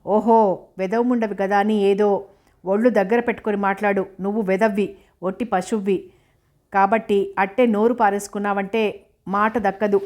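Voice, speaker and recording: A woman's voice: medium pitch, fairly even intonation, moderate pace, darkish tone, close to an everyday voice. A woman voicing a sneering old headmaster. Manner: sneering, insulting retorts. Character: lecherous older male headmaster, arrogant.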